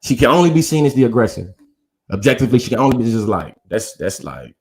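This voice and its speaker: A man's voice: medium pitch, very animated, quick pace, a little mellow. A man recapping a debate in casual talk, earnestly laying out long chains of reasoning and leaning on the word "literally".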